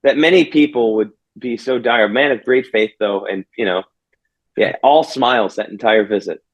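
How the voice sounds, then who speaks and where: A man's voice: medium pitch, normal speed, muffled recording. A man, a pastor, telling a personal story in an interview, earnest and reflective, often restarting his phrases. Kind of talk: conversational storytelling.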